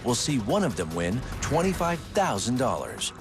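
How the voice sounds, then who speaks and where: A man narrates a show trailer in a slow, drawn-out manner, his pitch swinging widely. Clear music plays beneath him. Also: sing-song. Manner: dramatic, drawn out. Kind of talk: trailer voice-over.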